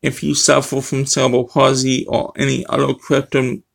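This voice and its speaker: A middle-aged man with a speech impediment that blurs his R and W sounds, talking casually and haltingly to the camera. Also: medium pitch, flat delivery, gravelly. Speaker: vlogger. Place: small room at home. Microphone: webcam or phone close to face.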